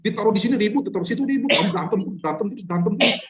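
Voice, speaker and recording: A man's voice: sits high, big pitch swings, racing, a little mellow. A man voicing a blunt, scolding apostle. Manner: harsh, lecturing, slangy.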